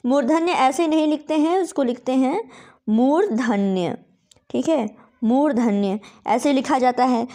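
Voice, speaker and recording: A woman's voice: sits high, measured pace, warm tone. A woman tutor going through quiz answers, patiently spelling out words letter by letter and checking in with "okay" often. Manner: patient, repeats "ठीक है" often. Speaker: Hindi exam tutor.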